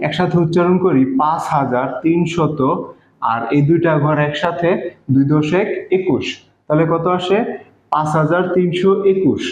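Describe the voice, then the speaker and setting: A man with a Bangladeshi Bengali accent teaching a math lesson step by step, patiently, with many fillers. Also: on the high side. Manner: patient, explains slowly with fillers. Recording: echoey room, dull lo-fi sound.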